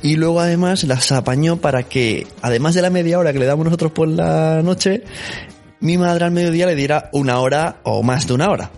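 A man's voice: a little high, brisk, darkish tone, faint music behind. Chatty father rambling with restarts. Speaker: podcast co-host. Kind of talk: casual chat.

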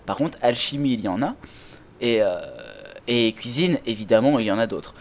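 A man's voice: medium pitch, normal speed, slight background noise. Chatty man hosting a gaming podcast. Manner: chatty, many fillers and self-corrections. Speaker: podcast host. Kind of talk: casual gaming podcast chat.

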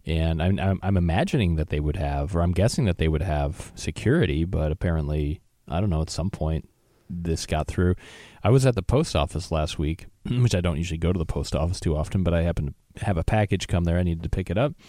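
A man with a very low voice talks through a news story with his co-host. He speaks loosely, full of ums and restarts, into a close mic with a dry sound. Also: a little fast, mellow, no room sound. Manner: conversational, many fillers and restarts. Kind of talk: casual news discussion.

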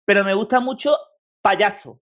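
A man chatting as a podcast guest, animated and joking, who swears freely. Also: high-pitched, normal speed. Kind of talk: casual chat. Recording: dull lo-fi sound.

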